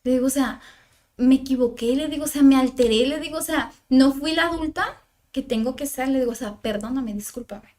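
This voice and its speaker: A woman's voice: high voice, brisk, darkish tone, a little hiss or hum. A young woman with a Mexican accent, a psychologist guest on a parenting podcast, telling a personal story in conversation and acting out the lines of those involved, with many fillers. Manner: recounts dialogue, filler-heavy with "o sea" and "le digo".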